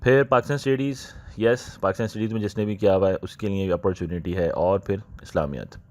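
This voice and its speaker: A man, talking viewers through job openings in a casual, unhurried way, often slipping into English phrases and pausing to think. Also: low-pitched, a little mellow. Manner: unhurried, thinking aloud with many "uh" pauses. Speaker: channel host explaining job openings. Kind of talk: casual explanatory walkthrough.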